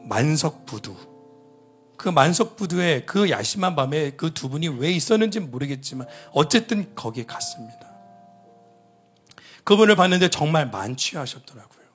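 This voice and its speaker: A middle-aged man preaching a sermon in a raised voice with a wide, lively pitch. He tells his story with feeling, drops to hushed whispers, then climbs to loud pleading. Soft music plays faintly behind him. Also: breathy edge. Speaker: pastor.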